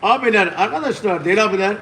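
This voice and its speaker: High-pitched Turkish man calling a live auction. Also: expressive, fast, a bit bright, slight background noise, rough recording. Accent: southeastern Turkish. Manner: repetitive auctioneer patter, constantly addressing bidders. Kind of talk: live auctioneer calling bids to online viewers.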